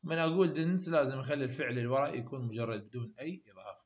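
Iraqi guy going over exam answers, asks himself stuff and answers it, talks fast, kinda dull muffled audio. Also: medium pitch. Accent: Iraqi Arabic. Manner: explains by asking and answering his own questions. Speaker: English teacher. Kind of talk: exam-solution lesson.

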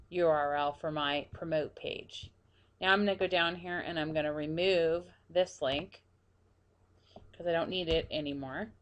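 A woman narrating a screen-recorded software tutorial, quietly talking through each step as she clicks. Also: low voice. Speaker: tutorial presenter.

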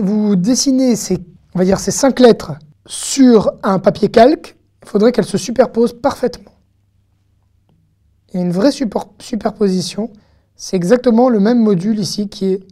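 A woman teaching an online language lesson, patiently explaining and repeating sounds slowly for learners. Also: mid-range voice, mellow. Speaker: Hebrew teacher.

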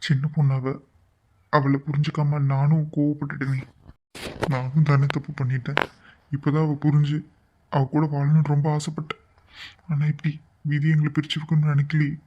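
A man's voice: on the high side, monotone, normal speed, long pauses, darkish tone, highs cut off, slight background noise, close to an everyday voice. A man voicing a heartbroken young husband in a cartoon drama, pleading and full of regret as he searches for his missing wife. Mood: grieving, regretful.

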